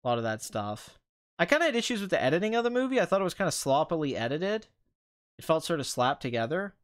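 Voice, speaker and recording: A man with a fairly high, sing-song, smooth voice speaks quickly while hosting a casual, rambling live stream as a film commentator. After two hours of talking, his voice is tiring and a little strained.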